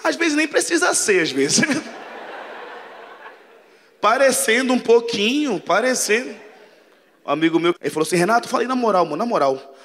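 A man from Pará performs a crude, brash stand-up set on a large theater stage, acting out the voices of people in his stories in Pará Brazilian Portuguese. His voice is extremely high and a bit bright, swinging widely in pitch at normal speed with long pauses, and the live hall carries crowd laughter.

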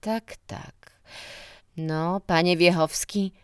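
A woman's voice: on the low side, steady tone, drawn-out words, clean tone, no room sound, clean studio sound, pitched above the performer's own voice. A woman reading a story voices a stern, mocking middle-aged man, a school director who scolds and lectures. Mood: scornful.

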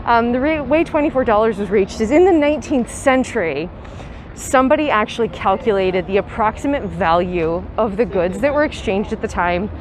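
A young woman tour guide narrating a walking tour outdoors in a city park, chatty and explanatory. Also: mid-range voice. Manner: chatty, explanatory, with light laughs. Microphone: handheld camera, guide mostly off screen. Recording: faint outdoor city noise.

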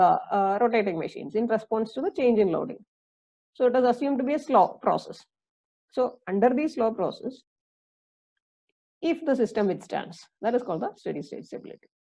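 A woman lecturer with an Indian English accent giving a recorded engineering lesson, explaining slowly, with many fillers and repeats. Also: mid-range voice, vocal fry, warm tone, low-quality recording.

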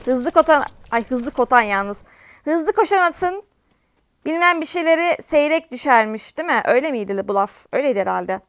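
A woman with a high voice hosts her own gaming channel, talking viewers through a match in a loose, chatty way. She often bursts out in exasperated complaints and shouts at opponents. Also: expressive, normal speed, clean tone, dry recording. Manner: chatty, with frequent exasperated outbursts at the game. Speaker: gaming streamer. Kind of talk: casual gameplay commentary.

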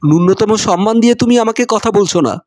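A man's voice: high-pitched, fast talker, a little mellow, no room sound, clean studio sound, lightly acted. A man voicing a proud, stern older mother-in-law who scolds indignantly.

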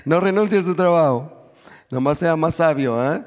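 On a large church stage, a middle-aged pastor whose first language is English preaches in Spanish, moving about and gesturing as he goes. His slightly high voice keeps a normal speed, sprinkled with hallelujahs and calls for amen, and swells to near shouts. The long reverb of a big church hall fills the recording.

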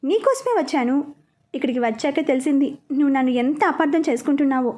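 A woman's voice: high voice, animated, quick pace, warm tone. A woman reading the part of a playful young man who teases the woman he loves in a romantic storybook narration. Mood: teasing. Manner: teasing, playful. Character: young man Prashanth, playful teasing lover.

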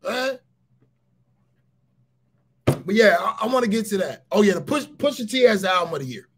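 A man's voice: high voice, normal speed, noisy background. A man hosting a casual livestream, talking emphatically to his viewers, repeating his points and often raising his voice. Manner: animated, emphatic, repeats phrases and shouts points. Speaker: livestream host.

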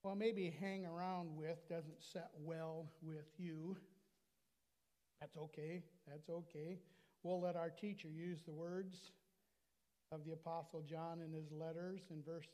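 An older American man preaching an earnest sermon on a lapel mic in a small church. His voice sits a little high for a man. He slows right down to lean on the words that matter. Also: level tone, dark tone. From United States. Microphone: lapel mic at a pulpit.

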